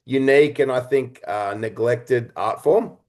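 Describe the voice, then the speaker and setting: A thoughtful, expressive male guest with a creative background is being interviewed. His mid-range voice runs a little slow as he tells stories conversationally in fragmented phrases.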